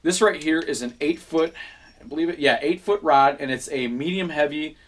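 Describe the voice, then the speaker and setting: Talking to the camera about his gear, a man in his thirties who hosts a fishing channel sounds relaxed and easygoing, and his pitch runs on the high side. Ums and rapid self-corrections fill his speech. A camera a few feet away records him in a small room at home.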